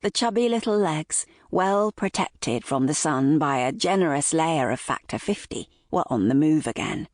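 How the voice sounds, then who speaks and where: A woman reads a novel aloud in a measured, expressive storytelling manner. Her voice sits low and moves with lively intonation. The recording is dry and close, with no room sound. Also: no room sound. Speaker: audiobook narrator. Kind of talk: scripted narration.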